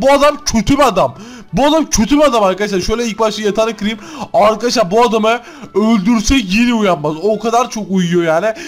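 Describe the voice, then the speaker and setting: A man narrating Minecraft gameplay in a very high voice, talking fast and excitedly. He keeps calling out to his audience as he goes, breaking into loud bursts of alarm along the way. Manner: excitable, keeps addressing the viewers. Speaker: gaming YouTuber.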